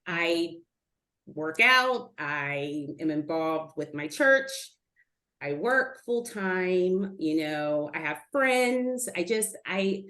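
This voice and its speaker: A middle-aged woman speaking as a webinar guest, a lively storyteller who acts out what others said, on a video call. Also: on the low side, drawn-out words. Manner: lively storyteller, animated quoting of others, laughs easily. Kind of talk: casual interview on a video call.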